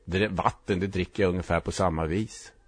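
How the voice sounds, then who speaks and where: A man narrating a first-person story in a reflective, halting way, with short clipped sentences. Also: sits low, steady tone, no echo.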